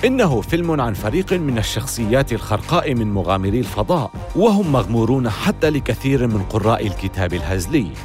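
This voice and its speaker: Animated male documentary narrator over music. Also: mid-range voice, fast talker, hardly any pauses.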